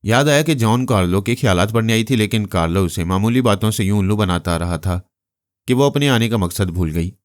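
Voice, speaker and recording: Male audiobook narrator, very deep voice, measured delivery, dry close sound. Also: no room sound. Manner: steady, measured storytelling. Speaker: storyteller.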